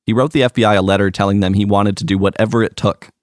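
Deep-voiced male reporter narrating. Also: fairly even intonation, quick pace, dry recording, studio quality. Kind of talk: scripted narration.

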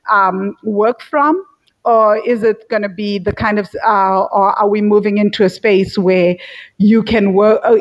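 A woman's voice: medium pitch, muffled recording. A woman from Africa, a remote worker speaking as a panelist with enthusiasm, thinking aloud. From South Africa. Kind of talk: panel discussion.

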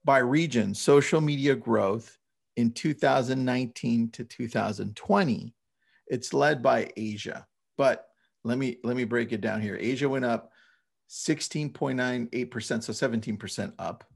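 Guy cohosting a podcast, creaky fry in his voice, informal and punchy chat. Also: medium pitch, moderate pace. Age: 30s or older. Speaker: podcast co-host.

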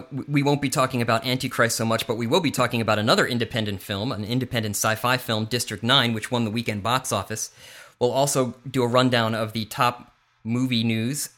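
A man with a bright, clear tone hosts a casual entertainment talk show. He runs down the news in an easy, breezy way, and his pitch sits in a middle range. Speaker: podcast host. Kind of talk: casual chat.

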